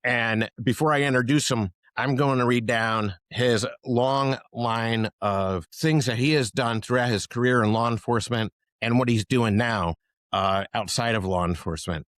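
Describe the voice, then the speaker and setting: A man's voice: medium pitch, moderate pace, a bit bright, no echo. Man hosting a podcast interview. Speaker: podcast host. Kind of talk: podcast interview, reading an introduction.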